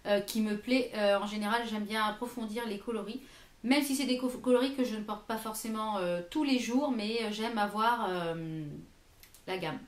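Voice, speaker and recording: A woman's voice: mid-range voice, moderate pace, roomy sound. A French woman reviewing lipsticks in her own vlog, hesitant and full of fillers and repeated words. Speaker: beauty vlogger. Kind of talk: product review.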